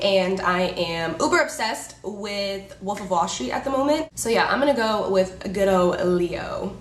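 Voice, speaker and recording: A woman's voice: medium pitch, fairly bright tone, echoey room, slight background noise. A woman in her twenties chatting casually to camera, joking and laughing often. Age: 20s. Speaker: beauty vlogger. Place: indoors, a room in Los Angeles.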